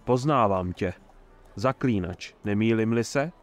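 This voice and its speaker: A man's voice: lowish voice, close to an everyday voice. A man doing a smug menacing swordsman. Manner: mocking, smug and threatening.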